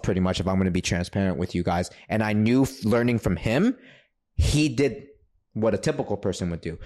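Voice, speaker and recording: Brash, profane man from New York. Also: fairly low pitch. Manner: brash, profane, animated storytelling. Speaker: podcast guest, credit repair entrepreneur. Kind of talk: casual podcast chat.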